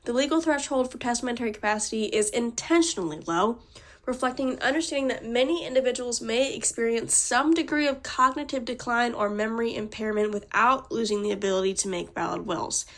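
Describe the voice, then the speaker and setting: Sounding slightly nasal from a cold, a student reads out her formal class presentation briskly, tripping up slightly and restarting here and there. Her voice is on the high side with a fairly bright tone.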